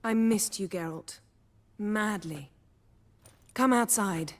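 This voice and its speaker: A woman's voice: medium pitch, slow, no room sound. An actress playing a composed female sorceress in a video game, with cool, wry delivery.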